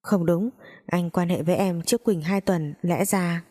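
A woman's voice: lowish voice, fairly even intonation, normal speed, dark tone, close to an everyday voice. A woman voicing a harsh, commanding young husband who turns violent, in a storybook reading. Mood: questioning. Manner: curt, commanding.

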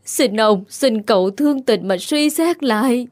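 A woman's voice: fairly high pitch, lively intonation, unhurried, a little mellow. A woman voicing a poor old village mother who begs tearfully for her son. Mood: tearful pleading. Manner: tearful, begging.

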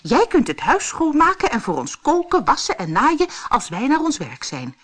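A woman's voice: high voice, wildly swooping pitch, normal speed, a bit bright, voice pushed up, exaggerated voice. A woman reading aloud and voicing a group of small, eager male dwarfs in a storybook. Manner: eager, speaking in chorus.

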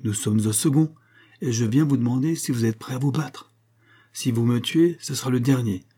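A man's voice: medium pitch, moderate pace, dark tone, lightly acted. A man reading aloud as a scheming, vengeful husband who taunts his rival with irony. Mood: taunting. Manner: taunting, ironic.

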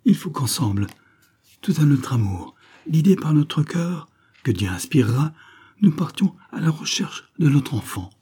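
A man's voice: on the high side, very animated, a little slow, dark tone, slightly rough, pitched above the performer's own voice, exaggerated voice. A man voicing a scheming count who pleads theatrically with his wife. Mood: imploring.

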